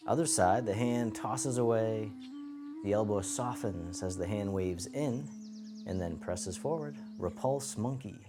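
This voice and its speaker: A man with a fairly low voice leads a guided tai chi lesson. He gives gentle, encouraging cues step by step in unhurried phrases. Music plays clearly behind his voice. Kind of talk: guided movement lesson, calm step-by-step cueing.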